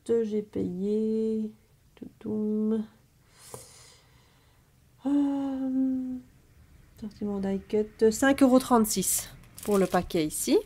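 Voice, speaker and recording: A woman showing off her scrapbooking purchases in a casual haul video, talking slowly and hesitantly with many fillers. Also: medium pitch, dark tone.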